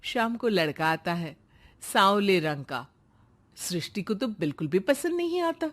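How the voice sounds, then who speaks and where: A woman's voice: medium pitch, big pitch swings, a little slow, a bit bright. A woman narrating a scripted moral story as a storyteller.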